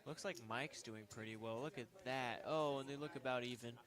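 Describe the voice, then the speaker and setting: A man's voice: mid-range voice, a little fast, a bit bright. A young man casually commentating a poker game on a stream, joking and rambling with fillers.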